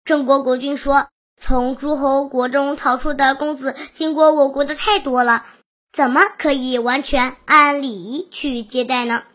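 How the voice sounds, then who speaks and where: A woman reading a classical history story aloud, first the old text and then its modern translation, in an even, measured storybook manner. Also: high-pitched. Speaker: reader.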